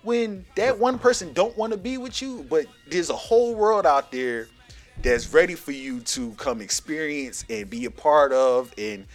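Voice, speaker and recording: Animated Philly man telling stories. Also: measured pace, faint music behind. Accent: Philadelphia. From Philadelphia. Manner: animated storyteller, jumps to a high voice for quoted women. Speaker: podcast host. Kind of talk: casual podcast chat.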